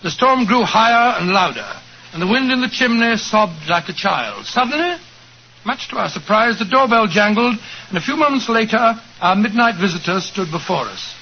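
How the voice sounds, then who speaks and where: Genial, avuncular older doctor for a vintage radio drama; high voice, muffled old broadcast with light hiss. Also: male voice, expressive, moderate pace. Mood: storytelling. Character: elderly English doctor narrator, genial storyteller. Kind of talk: 1940s radio acting.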